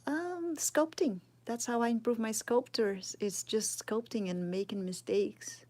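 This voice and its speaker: A slightly high, mellow voice with a Brazilian Portuguese accent comes from a woman in her thirties from Brazil. Her live sculpting tutorial is casual: she responds to chat, thinks out loud at a slow pace and often lowers to a murmur as she works.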